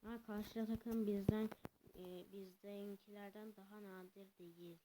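A young woman giving casual, excitable commentary while playing a video game, swinging between cheering and complaining. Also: mid-range voice, measured pace, noisy background. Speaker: gameplay commentator.

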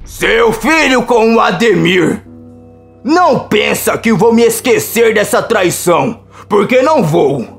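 A woman voicing a furious wealthy father who shouts his words. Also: mid-range voice, big pitch swings, slow, vocal fry, faint music behind, exaggerated voice.

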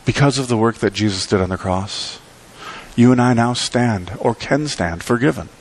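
Middle-aged male pastor, animated pulpit preaching with dramatic pauses, church sanctuary. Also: mid-range voice. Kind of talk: sermon.

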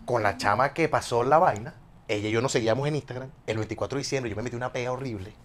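A man's voice: mid-range voice, a crowd in the background. A young man with a Venezuelan accent telling a personal story in casual chat, acting out the dialogue as he goes. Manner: fast, animated, acts out quoted dialogue. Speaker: guest.

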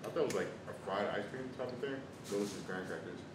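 A man in his twenties with an American accent, chatting casually about food and chewing while talking. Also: very fast. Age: 20s. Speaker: food reviewer. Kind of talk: casual food review chat. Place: small bare room at a table, indoors. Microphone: camera several feet away. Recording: echoey room, distant mic, clear rumbling noise.

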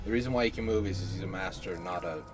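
A man's voice: low-pitched, quick pace. A man co-commentating a game stream in a groggy morning voice, chatty and complaining. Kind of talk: casual gameplay commentary. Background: game music.

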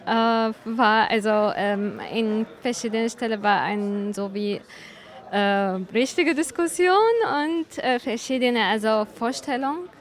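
A young woman answering interview questions haltingly with many fillers into a handheld mic at an indoor event. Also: a little high. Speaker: workshop leader interviewee. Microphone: handheld reporter mic.

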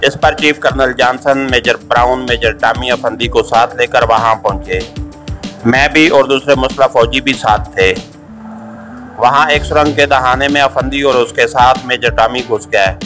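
A frightened captured army captain stumbles over his words in a storybook reading, as a man puts him on. The voice sits at an ordinary middle pitch, nervous and flustered rather than loud. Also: moderate pace, faint music behind, lightly acted. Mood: confessing. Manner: stammering, flustered. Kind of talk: audiobook character reading.

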